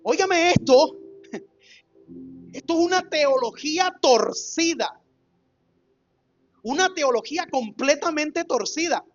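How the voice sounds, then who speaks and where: A man's voice: very high-pitched, expressive, slow, long pauses. A man, a pastor preaching an expository sermon, emphatic and full of rhetorical questions to his congregation. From Colombia. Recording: dull lo-fi recording with faint music.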